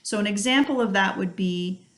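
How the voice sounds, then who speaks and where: A woman's voice: medium pitch, moderate pace, fairly bright tone. Friendly middle-aged woman teaching parents. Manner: friendly, practical, explains with everyday examples. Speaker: early childhood educator. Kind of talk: instructional talk to parents.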